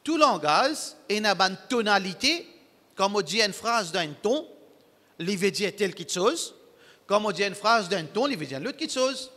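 A man preaching to his congregation, emphatic and repetitive, in broken, halting phrasing. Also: high voice, sing-song, pushed and bright, in a large hall. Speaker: Islamic preacher. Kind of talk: sermon to a congregation.

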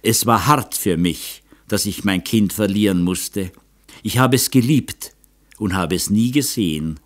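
A man's voice: fairly low pitch, unhurried. A man reading an audiobook voices a remorseful, timid middle-aged woman who pleads and blames herself. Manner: pleading, self-reproaching.

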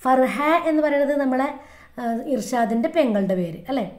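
A woman's voice: high-pitched, expressive, moderate pace, darkish tone. A woman with a Kerala Malayalam accent teaching a recorded lesson to young children, repeating words and making animal sounds in a sing-song way.

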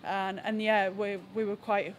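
A young Englishwoman, speaking as a rugby captain in a post-match press scrum indoors, has a medium-pitched voice with a level, unvaried delivery and a little hiss or hum. Several handheld press mics sit close to her face. Reflective and halting, she thinks aloud and restarts phrases often.

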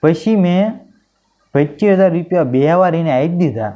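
A man telling a string of jokes, lively and mimicking the voices of the people in them. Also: on the high side, normal speed. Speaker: stand-up comedian telling jokes. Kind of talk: joke-telling monologue. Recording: dull lo-fi sound.

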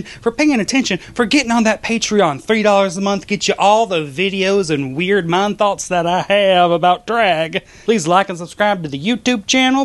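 A campy American drag queen, a man with a notably high-pitched voice, hosts to camera. The delivery is theatrical and comedic, with the polish of a prepared script. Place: small home office, indoors.

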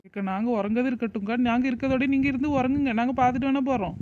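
A woman's voice: high voice, rapid-fire, darkish tone, lo-fi sound, a little hiss or hum, lightly acted. A woman voicing a cheerful young neighbour in a cartoon, chatty and reassuring. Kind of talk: cartoon voice acting.

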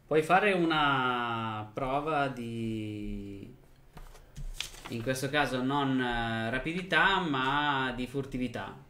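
A man's voice: mid-range voice, slow pace, pushed and bright. A man acting as game master, casually narrating and explaining a tabletop role-playing game. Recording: roomy echo, clear background noise.

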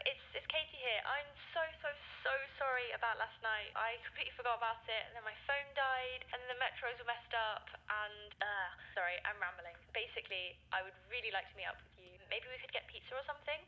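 A woman's voice: fairly high pitch, fairly quick, hardly any pauses. An actress voicing a young woman who leaves a rambling, apologetic voicemail, heard over a phone line. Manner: rambling, apologetic, hesitant with fillers.

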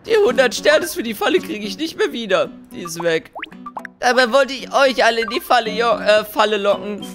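A man chatting casually to viewers while he plays a life-sim game, joking as he goes. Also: sits high. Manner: chatty, jokey, talks to viewers. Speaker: let's play host. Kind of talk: casual gameplay commentary. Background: game music.

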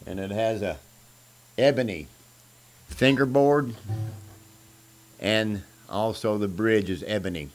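A musician in a small room at home slowly pitches a guitar for a charity auction, speaking casually in short folksy fragments with long pauses. A stand mic at guitar height catches his voice amid acoustic guitar playing.

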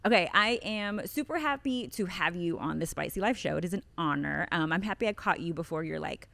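Female podcast host, playful, energetic introductions, studio mic. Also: lowish voice, fairly quick, vocal fry, dry recording. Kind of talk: podcast interview. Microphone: studio mic on boom arm.

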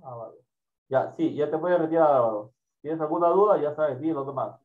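Patient teacher mumbling over a video call. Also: male voice, on the high side, a little fast. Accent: Peruvian Spanish. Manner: patient, repeats himself, trails off into mumbling. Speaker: primary school teacher. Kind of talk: online class, casual instructions. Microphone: computer mic on video call. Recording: dull lo-fi call audio.

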